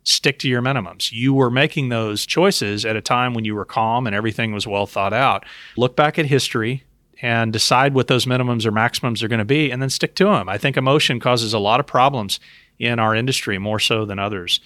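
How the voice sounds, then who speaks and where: A man's voice: medium pitch, a little fast, sharp tone, no echo, clean studio sound. A man hosting a podcast, explaining advice and speaking directly to his listeners and co-host. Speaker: podcast host and investment professional. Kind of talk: podcast talk giving investment advice.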